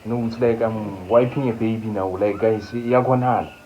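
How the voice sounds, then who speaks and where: A young man in a casual home vlog, loudly and repeatedly refusing in an exasperated way. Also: on the low side, steady tone, normal speed. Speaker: vlogger's brother, prank target. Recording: muffled lo-fi audio with clear background noise.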